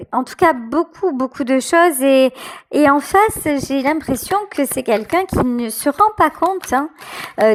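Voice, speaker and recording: A woman with a voice on the high side reads tarot unscripted straight to the listener, her delivery halting, with phrases said more than once.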